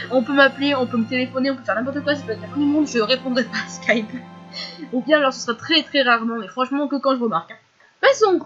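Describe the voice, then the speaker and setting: A fifteen-year-old girl answering viewer questions in a casual vlog, talking fast with many fillers and frequent giggles. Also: sits high, fairly bright tone, lo-fi sound. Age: teens.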